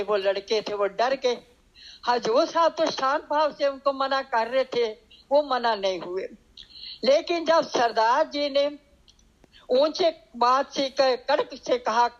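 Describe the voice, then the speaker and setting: A woman recounts a devotional story in an unhurried, looping way. She repeats phrases and acts out the dialogue of the people in it. Her voice sits a little high on a muffled, lo-fi recording. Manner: slow, repetitive retelling with quoted dialogue. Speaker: religious storyteller. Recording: dull lo-fi recording.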